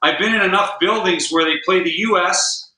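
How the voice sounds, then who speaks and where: A man's voice: high-pitched, normal speed, sharp tone. A man guest-hosting a podcast, chatting casually and easily with fillers. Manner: easygoing, rambling with fillers. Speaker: guest host and guitar player. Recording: roomy echo.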